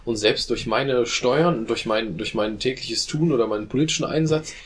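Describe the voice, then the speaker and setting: A man's voice: medium pitch, moderate pace, slightly rough. A man in a casual group discussion, arguing his point at length in long, winding sentences. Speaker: discussion participant.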